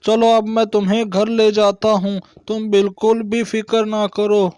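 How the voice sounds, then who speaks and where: A man's voice: high-pitched, flat delivery, unhurried, darkish tone, clean tone, no echo, clean studio sound. A man playing a worried village father in a doll story, exclaiming often.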